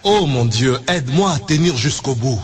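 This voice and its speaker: A man's voice: mid-range voice, animated, moderate pace, lightly acted. An actor playing a visiting male pastor who preaches in French and grows exasperated with his interpreter. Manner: exasperated, pleading. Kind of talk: comic sermon sketch.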